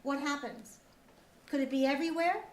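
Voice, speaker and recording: A woman's voice: high voice, fairly even intonation, moderate pace. A woman teacher giving an earnest, upbeat school lecture to children, asking questions and repeating their answers. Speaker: teacher leading a school lesson. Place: echoey school room. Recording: roomy, distant mic, faint background noise.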